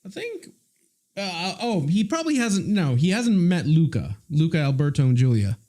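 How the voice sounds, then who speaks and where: Lively, mellow-voiced male streamer. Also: a little high, normal speed. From United States. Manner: chatty, reads and answers viewer messages. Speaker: live streamer. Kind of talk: casual live-stream chat.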